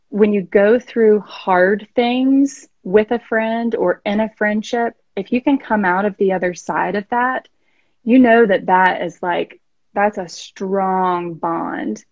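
Slow, reflective woman on a podcast. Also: medium pitch, a little mellow, no room sound, lo-fi sound. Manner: slow, reflective, repeats herself. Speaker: podcast guest. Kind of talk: casual chat.

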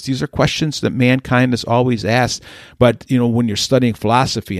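A man's voice: mid-range voice, gravelly, a little mellow, no echo, clean studio sound. A man hosting a religious podcast, speaking emphatically in a preachy manner with frequent restarts and fillers. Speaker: podcast host.

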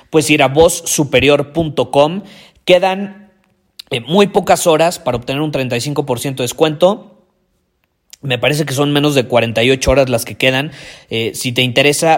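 A man hosting a motivational podcast as a voice coach, emphatic, repeating key phrases and swinging his pitch and volume. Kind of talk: energetic motivational podcast talk.

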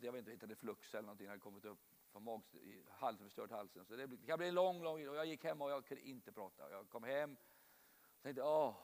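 A man's voice: mid-range voice, in a large hall. A man preaching a sermon, telling stories and addressing the congregation directly.

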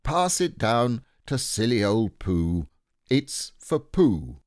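A man voicing an earnest, excited young boy with an eager, announcing manner. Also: mid-range voice, slow pace, dry recording, studio quality, voice pushed up.

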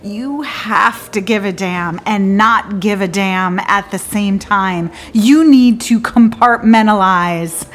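Here the disillusioned woman lawyer, played by an actress in a theatrical monologue, offers wry advice in a natural, medium-pitched voice. Her confiding delivery is halting, bitter and wry, with sudden swings.

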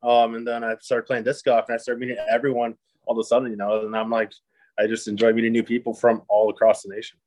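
A man raised in Japan, talking as a podcast guest in an easygoing, upbeat way with many pauses. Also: medium pitch, completely flat delivery, darkish tone, no room sound, poor audio. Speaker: podcast guest, disc golf player. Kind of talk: casual interview chat.

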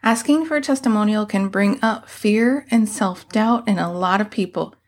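A woman's voice: mid-range voice, moderate pace. A woman hosting a scripted solo advice podcast in an upbeat, tidy vlogger manner, with playful, casual phrasing. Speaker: podcast host and mentor for virtual assistants.

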